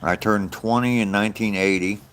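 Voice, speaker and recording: Out walking, a US vlogger in his sixties chats with live viewers, reminiscing in an easygoing, rambling way and often chuckling. His fairly low voice is fairly bright with fairly even intonation and a moderate pace, and a little hiss or hum can be heard.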